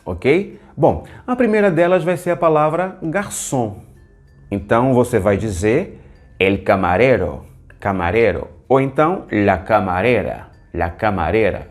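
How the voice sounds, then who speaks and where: A man teaching an online language lesson, speaking slowly and clearly and saying each word twice. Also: medium pitch, darkish tone. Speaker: Spanish teacher.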